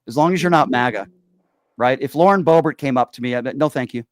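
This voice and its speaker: A man's voice: medium pitch, fast talker, dry recording, studio quality. A man in his forties from Connecticut, hosting a casual chat show and rambling with fillers and repeated yeps. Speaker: show host.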